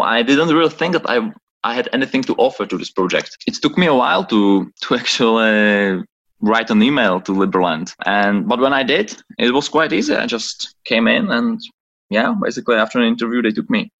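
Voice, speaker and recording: As a podcast guest, a chief of staff from the Czech Republic speaks hesitantly, searching for words, on a call from his Prague office. His voice is medium-pitched and fairly bright, and the audio sounds dull.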